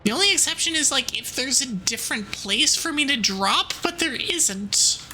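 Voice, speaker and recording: Woman, game livestreamer, cute anime-streamer delivery, very bright tone, lively swooping pitch, playful. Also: moderate pace, slight background noise. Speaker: streamer, VTuber. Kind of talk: livestream game commentary, chatting to viewers.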